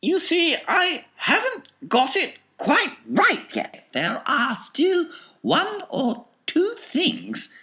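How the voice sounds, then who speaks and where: A man's voice: extremely high pitch, huge pitch swings, extremely slow, sharp tone, voice pushed up, full character voice. A man voicing an anxious, fussy eccentric inventor in a storybook, pleading and fretful. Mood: apologetic regret.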